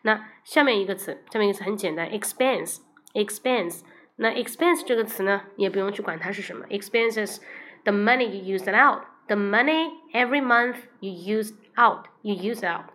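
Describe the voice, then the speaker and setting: A woman teaching English vocabulary on a livestream, with a voice of middling pitch. She talks through her method in Chinese, drops English phrases into her sentences, and slows down to sound out words one syllable at a time. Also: pushed and bright. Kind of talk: livestream lesson.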